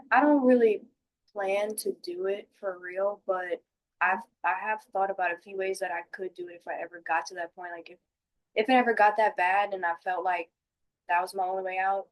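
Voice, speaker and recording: A dejected, down-on-her-luck woman as acted in a counseling role play confides in a counselor. Her voice is middle-pitched, and she talks in a downcast, halting way. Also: steady tone, close to an everyday voice, low-quality recording. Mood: hopeless, hesitant. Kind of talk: mock counseling session.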